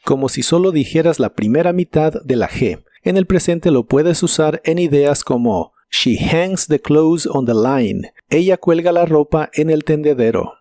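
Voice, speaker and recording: A man teaching English vocabulary in a scripted lesson, modelling each word slowly and carefully. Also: a little high, lively intonation, warm tone, no room sound. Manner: slow, careful model pronunciations.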